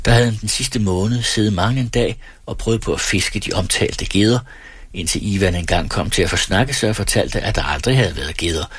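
A man narrating an audiobook in a steady, even storytelling manner, close to the mic. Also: low voice, husky, no echo.

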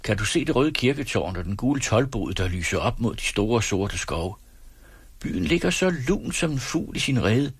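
A man's voice: mid-range voice, very animated, slightly rough, no echo, pitched above the performer's own voice, heavily acted. Man reading as an eager husband showing off his town. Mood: enthusiastic. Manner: enthusiastic, pointing things out.

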